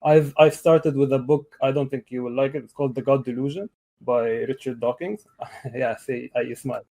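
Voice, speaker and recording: A man's voice: medium pitch, normal speed, warm tone. A man in his thirties from Lebanon on a video call, speaking in a hesitant way with many fillers and restarts. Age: 30s. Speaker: caller. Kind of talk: casual debate on a video call.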